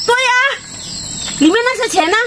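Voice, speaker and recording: A woman playing a shrill frantic accuser. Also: animated, a little fast, heavy background noise. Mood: suspicious. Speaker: robbery victim in a skit. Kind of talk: amateur comedy skit acting. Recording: background music over voice.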